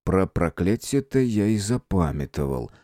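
Male narrator as a composed, formal detective of old times; measured, lively pitch. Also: dry recording, clean studio sound. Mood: firm. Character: calm, firm gentleman detective of old times. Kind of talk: audiobook character voicing.

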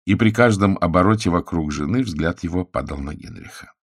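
A man narrating an audiobook in a measured, expressive reading. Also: low voice, husky, no room sound, clean studio sound. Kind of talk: scripted narration.

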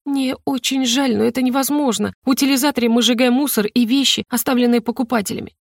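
A woman's voice: a little high, fairly even intonation, fast, gravelly, no room sound, pitched above the performer's own voice. Apologetic shopgirl, as a woman narrator voices her, lifted and placating, dry close sound. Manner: soothing, placating. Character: flustered apologetic young shop assistant.

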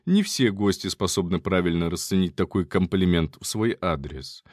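A man's voice: sits low, moderate pace, a little mellow, dry recording, clean studio sound. A man giving casual first-person audiobook narration in a wry, colloquial manner.

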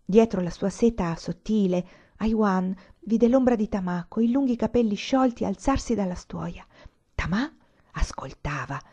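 A woman reading a novel aloud in steady, gentle narration. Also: medium pitch, a little slow, slightly rough, muffled recording. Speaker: audiobook reader.

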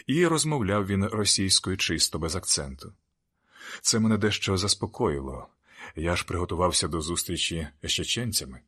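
A man with a very low voice reads a novel aloud in the first person. His narration is steady and measured, a plain audiobook reading. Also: slightly rough.

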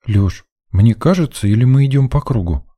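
An eager, curious young woman explorer in an audiobook, put on by a man reading it. Her voice jumps up high and excitable, yet keeps a soft, warm grain underneath. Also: moderate pace, no echo, lightly acted. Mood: anxious. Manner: high-pitched, excitable girlish voice. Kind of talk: audiobook character voice.

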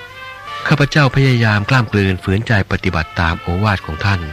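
A man voicing a grieving, lovesick young nun in an audiobook reading of a religious novel, pleading slowly through sobs. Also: on the low side, expressive, over music, lightly acted. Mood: pleading, tearful. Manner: slow, sobbing, pleading.

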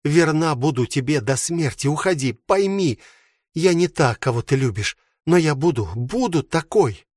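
A man's voice: expressive, normal speed, darkish tone, no echo, studio quality. A man voicing a desperate pleading young woman. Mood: pleading urgent. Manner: urgent, pleading, raised pitch. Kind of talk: audiobook reading.

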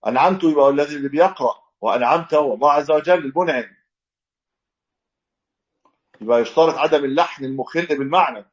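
A man's voice: fairly high pitch, fast, long pauses, dull audio. A man teaching a religious lesson as a sheikh, explaining step by step and demonstrating correct recitation. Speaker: sheikh teaching a fiqh text.

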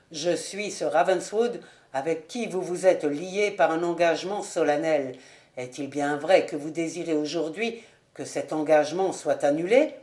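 Woman doing a proud, bitter young nobleman. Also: a little mellow. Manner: low, grave, contemptuous. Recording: echoey room.

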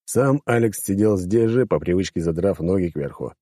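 Brief: male audiobook reader, low, mellow-dark voice, brash delivery, dry close sound. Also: normal speed, no room sound. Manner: brash, coarse, lively narration. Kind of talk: first-person audiobook narration.

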